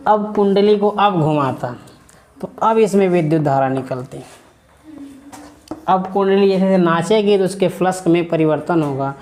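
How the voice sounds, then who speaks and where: A man's voice: on the high side, darkish tone, roomy sound, slight background noise. A male teacher giving a classroom physics lesson, asking questions and then answering them himself while repeating key words.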